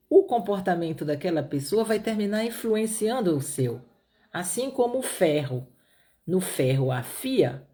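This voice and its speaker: With a fairly low pitch and dark tone, this middle-aged Northeastern Brazilian woman from Piauí, speaking with a Pará accent, explains a Bible proverb conversationally. She goes over points repeatedly and often checks in with "né?".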